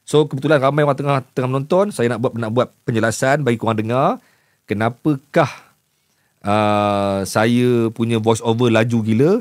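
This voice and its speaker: A man's voice: mid-range voice, normal speed, no room sound, clean studio sound. A man with a Malaysian Malay accent who stutters and repeats words, a news journalist chatting candidly to camera and mixing in English. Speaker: news journalist and voice-over producer. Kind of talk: casual talk to camera.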